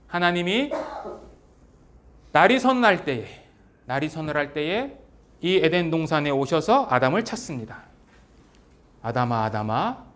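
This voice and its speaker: A male pastor preaching a revival sermon, animated and full of rhetorical questions to his listeners. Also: sits high. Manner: dramatizes quotes in character voices.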